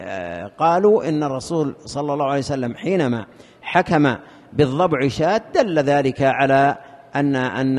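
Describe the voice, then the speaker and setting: A man explaining a legal text in a lesson, with a halting manner, repeating words as he searches for terms. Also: mid-range voice, a little mellow. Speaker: teacher explaining a fiqh text. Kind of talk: lesson commentary. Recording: long reverb of a hall.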